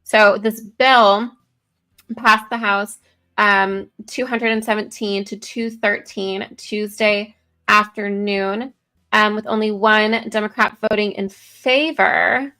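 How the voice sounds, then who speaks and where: Bright-voiced woman reading news with ums. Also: medium pitch, fairly even intonation, slow, smooth. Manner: many "um" fillers, self-corrections while reading. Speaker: co-host. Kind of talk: casual political chat, reading news articles aloud.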